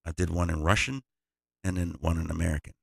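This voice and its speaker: A man's voice: low voice, steady tone, fast, creaky, husky, no room sound. A man who produces music, talking casually through a tutorial, rambling and restarting his sentences.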